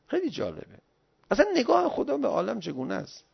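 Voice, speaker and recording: Guy preaching a sermon, real animated and pleading, kinda high voice that swings all over. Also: creaky, slightly rough. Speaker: religious lecturer. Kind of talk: sermon-like religious talk. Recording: dull lo-fi recording.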